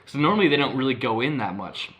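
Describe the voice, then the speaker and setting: A man's voice: mid-range voice, lively intonation, quick pace, a bit bright. A young man co-hosting a podcast, telling a long story in a rambling, casual way, with lots of swearing and filler words. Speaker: podcast co-host.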